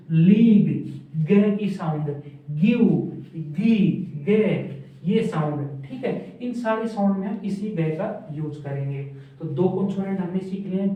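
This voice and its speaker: A man teaching a shorthand class, repeating letters and quizzing his students as he draws strokes. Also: sits high. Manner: repeats drills and asks the class questions. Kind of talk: classroom lesson at a board. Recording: echoey room, distant phone-like mic.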